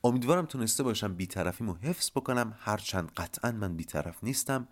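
A man hosting a podcast, explaining ideas to listeners in an animated monologue and addressing them directly. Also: lowish voice. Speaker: podcast host.

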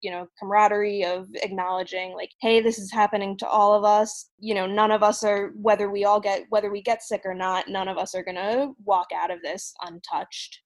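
A woman's voice: medium pitch, little pitch movement, fairly quick, hardly any pauses, no echo, poor audio. Earnest woman on a video call. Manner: soft-spoken, earnest, gets emotional. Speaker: session drummer at a virtual meetup. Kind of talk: casual sharing at an online group call. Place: apartment.

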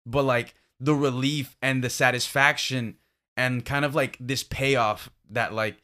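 A man's voice: mid-range voice, fairly even intonation, measured pace, sharp tone. A man co-hosting a podcast in casual chat, rambling with lots of fillers as he retells a story. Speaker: podcast co-host.

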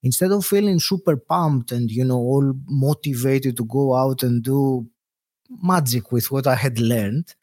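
Greek-accented male guest in his forties, halting and reflective, dry close mic. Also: medium pitch, darkish tone, no echo. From Greece. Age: 40s. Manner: reflective, many pauses and fillers. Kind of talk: podcast interview.

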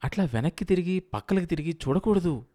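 A man's voice: a little high, animated, moderate pace, mellow, pitched above the performer's own voice. A man voicing a stylish young wife who scolds her naive husband sharply, in a storybook reading. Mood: irritated.

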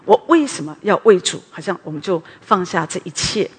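A middle-aged woman giving a personal testimony sermon at a prayer meeting, chatty and often ending phrases with a soft "ha". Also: on the low side, lively intonation, brisk, breathy edge. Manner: conversational, tags sentences with a soft "ha". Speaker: preacher at a women's morning prayer meeting. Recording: long hall reverb.

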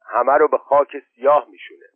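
Reader voicing a spiteful, quarrelsome young villager, voice raised; phone-thin, dry sound. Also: male voice, medium pitch, little pitch movement, dry recording, pitched above the performer's own voice, close to an everyday voice. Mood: scornful. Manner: scornful, quarrelsome. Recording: tinny phone-like narrow band.

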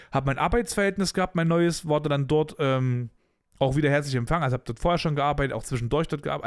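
Male podcast host, somewhat high voice, casual blunt storyteller. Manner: blunt, animated retelling of a workplace dispute with colloquial asides.

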